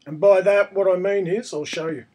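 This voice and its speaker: A man, croaky and hoarse from a cold, narrating a casual step-by-step screencast tutorial. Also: sits high, fairly even intonation, moderate pace, a little mellow. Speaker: tutorial presenter.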